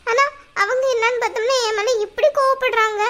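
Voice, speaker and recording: A woman's voice: very high voice, steady tone, fast, bright, forceful tone. A woman voicing a kind young sister-in-law who reasons and reassures in a cartoon. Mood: reasoning. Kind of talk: cartoon voice acting.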